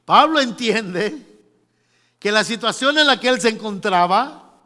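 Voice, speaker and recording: A man preaching a sermon, animated, acting out quotes and laughing often. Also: high voice, measured pace. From Mexico. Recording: long reverberant hall.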